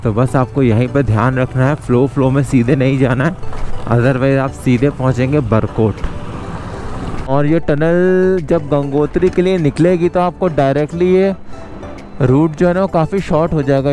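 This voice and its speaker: A man in his thirties rides a motorbike along an outdoor mountain road, chatting casually to his vlog viewers as if they were friends. His medium-pitched voice is mellow and measured, with faint music behind, recorded on an action camera mounted on the bike and held at arm's length.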